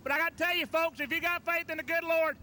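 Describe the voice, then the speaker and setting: A man's voice: very high-pitched, steady tone, fast talker, pushed and bright, slight background noise. A man with a Southern US accent, a race driver out of breath, rambling folksy thanks after a win. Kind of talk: victory interview. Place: outdoor racetrack.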